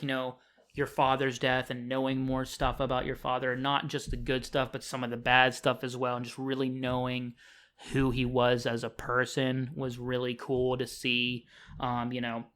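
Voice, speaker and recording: A man's voice: medium pitch, a bit bright. A young man giving a casual, unscripted film review on a podcast, rambling with lots of fillers and restarts and swearing freely.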